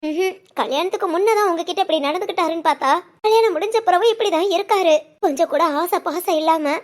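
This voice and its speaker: Cartoon mom, middle-aged and fretful, woman voices her, squeaky-high, fast, rambling complaints. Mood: lamenting. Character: worried middle-aged village mother, lamenting. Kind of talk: cartoon family drama phone call.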